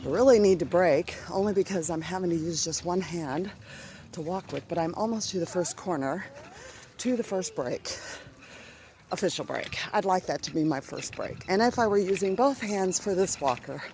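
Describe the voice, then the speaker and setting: A woman's voice: fairly low pitch, mellow, a little hiss or hum. A middle-aged woman vlogging outdoors on a neighborhood walk, out of breath, chatty and encouraging herself. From Arizona. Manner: chatty, self-encouraging, breathy pauses between phrases. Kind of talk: casual vlog narration while walking. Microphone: handheld phone camera.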